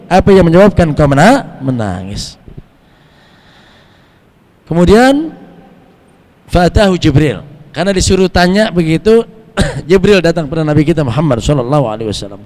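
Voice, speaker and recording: Male preacher, high and very lively voice, mosque reverb. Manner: animated, rising and falling delivery with Arabic recitation. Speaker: religious teacher. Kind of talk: mosque study-circle sermon. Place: mosque hall. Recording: long mosque hall reverb.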